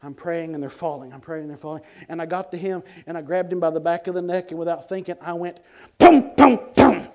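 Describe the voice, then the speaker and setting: A middle-aged man, a guest evangelist, telling an animated testimony on a TV show, dropping to hushed tones and bursting out loud with chuckles. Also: fast talker, hardly any pauses. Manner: swings between hushed low tones and loud excited outbursts, chuckling.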